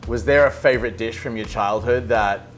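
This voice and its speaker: Upbeat cooking-show host. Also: male voice, medium pitch, faint music behind. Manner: upbeat and enthusiastic, quick reactions. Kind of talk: casual cooking-show interview. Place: restaurant kitchen by a grill.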